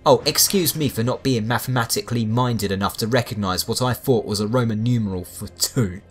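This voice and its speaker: With music behind him, a man speaks fairly quickly at a medium pitch. He is giving a scripted review of a video game, dropping in wry and sarcastic asides.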